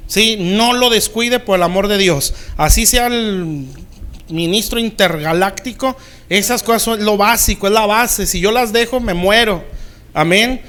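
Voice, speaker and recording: High-voiced male pastor preaching. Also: a little slow, a bit bright. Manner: keeps asking the congregation "¿sí?" to check they follow; plain, conversational preaching with everyday sayings. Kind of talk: sermon.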